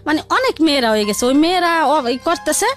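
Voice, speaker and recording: Her high-pitched voice is animated and fairly quick. A guest on an interview from Bangladesh, she uses colloquial Dhaka-area Bengali and rambles through her life story, repeating herself, while soft music plays behind her.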